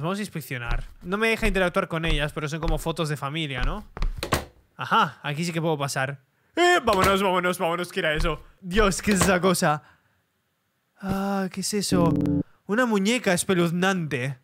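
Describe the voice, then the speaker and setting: A man's voice: fairly high pitch, brisk, noisy background. A young man from commenting on a horror game, easily startled and repeating exclamations. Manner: jumpy, reacts with frightened shouts and repeated exclamations. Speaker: gaming streamer.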